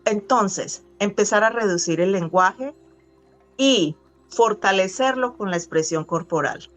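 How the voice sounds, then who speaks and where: A middle-aged woman speaking as an interview guest, earnest and reflective, pausing and restarting as she thinks. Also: mid-range voice, faint music behind. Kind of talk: conversational interview.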